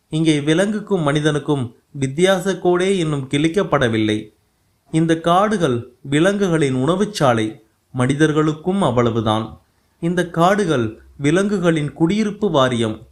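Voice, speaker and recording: A man voicing a sensitive, poetic young man who speaks in a lofty, declamatory way, read in an audiobook. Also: a little high.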